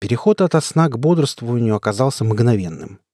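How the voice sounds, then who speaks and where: A man narrating an audiobook in the first person, telling the story in a steady way. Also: medium pitch, brisk, no echo, studio quality. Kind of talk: scripted narration.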